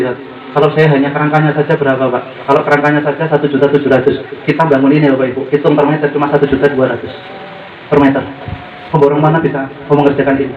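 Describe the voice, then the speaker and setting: Man, school leader, podium speech: fast, fervent, repetitive, slightly high voice, roomy hall sound. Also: slight background noise. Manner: fervent, repetitive preaching cadence. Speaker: boarding school leader addressing parents. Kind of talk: speech to a gathering. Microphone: podium microphone. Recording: roomy, slightly dull audio with faint ambience.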